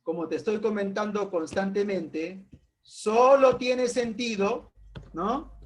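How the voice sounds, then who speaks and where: A man's voice: sits high, slow, background noise. A man teaching a philosophy class in an informal way, calling on students by name, asking rhetorical questions and making jokes.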